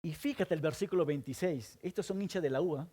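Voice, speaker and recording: A man, preaching a sermon to a congregation. He keeps asking the listeners questions and answering them himself, and he moves between loud emphasis and hushed low asides. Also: fast talker, slightly rough. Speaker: pastor.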